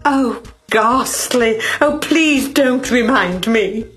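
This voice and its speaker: A woman's voice: a little high, a bit bright, soft background music. A woman doing a haughty posh lady. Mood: indignant. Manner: haughty, dramatic, drawn-out complaints. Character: posh snobbish rich lady, fussy and self-pitying. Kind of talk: children's comedy sketch acting.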